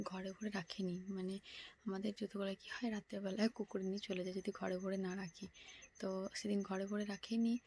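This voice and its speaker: Young woman hushed whispering, whispered role-play, low flat soft voice, quick. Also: slightly rough. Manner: speaks softly so her sleeping son won't wake. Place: home, indoors at night.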